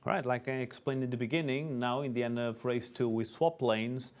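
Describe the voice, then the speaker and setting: Speaking at normal speed with medium pitch and fairly even intonation, this Portuguese-accented race announcer and rules official gives live commentary at a school car event. He walks through the rules and lane assignments, occasionally hesitating.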